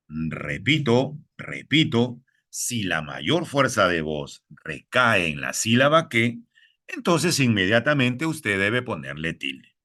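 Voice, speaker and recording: A man's voice: lowish voice, bright, forceful tone. A man with a Peruvian Spanish accent teaching a lesson, addressing fellow teachers and repeating each key point.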